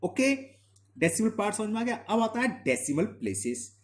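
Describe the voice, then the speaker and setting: A man teaching a maths lesson, mixing Hindi with English terms, asking and answering his own questions and slowing down to dictate definitions. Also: sits high, sing-song. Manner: slows to dictate definitions word by word. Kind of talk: classroom lesson explanation.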